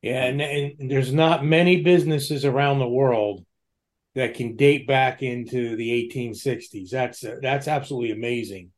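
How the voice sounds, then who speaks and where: A man's voice: mid-range voice, moderate pace. A man hosting a casual interview, wordy and repeating phrases for emphasis. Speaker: podcast host, interviewer.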